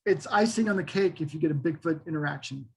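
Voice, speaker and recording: Middle-aged male, high voice with a husky edge; folksy, keen interview guest. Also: fast talker. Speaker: interview guest, Bigfoot researcher. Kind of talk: casual interview talk.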